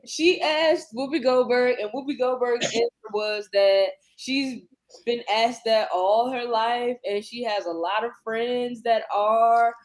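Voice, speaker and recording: A man's voice: extremely high pitch, fairly even intonation, a little slow, low-quality recording. A man with a New York accent, co-hosting a casual panel chat and telling stories in a slangy, joking way. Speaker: panel co-host.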